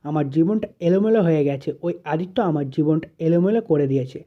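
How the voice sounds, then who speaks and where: A woman's voice: sits low, fast talker. A man voicing a hurt, defiant young woman, pleading and bitter, in a dull lo-fi recording. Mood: angry.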